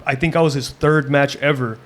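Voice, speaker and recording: A man's voice: on the high side, steady tone, brisk. A man who wrestles and coaches, talking bluntly and intensely in a casual interview, often restarting his sentences.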